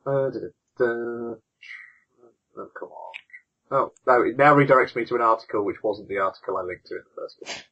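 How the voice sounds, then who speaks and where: A man's voice: medium pitch, brisk, fairly bright tone. A man hosting a podcast in casual chat, reading out news and rambling as he clicks through links, his voice tinny from the wrong microphone on an online call. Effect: tinny, lo-fi wrong-microphone sound. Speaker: podcast host.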